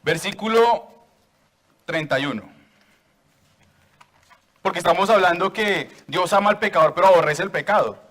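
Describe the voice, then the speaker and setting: Playful higher-voiced preacher in church. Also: male voice, moderate pace, pauses often, a bit bright. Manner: playful, joking with the congregation; asks the church for raised hands. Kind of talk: sermon to a congregation.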